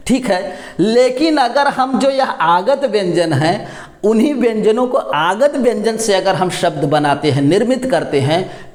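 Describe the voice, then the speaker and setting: A man teaching Hindi grammar, explaining each word slowly and answering his own questions as he goes. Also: sits high, darkish tone, reverberant. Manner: repeats words, asks and answers own questions. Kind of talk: classroom explanation.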